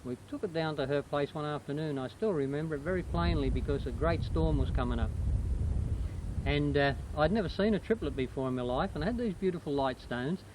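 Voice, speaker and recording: A man's voice: on the high side, a little fast. Australian man reminiscing over noisy sound. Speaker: interviewer joining in with memories. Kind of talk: casual conversational reminiscing. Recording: clearly noisy amateur recording.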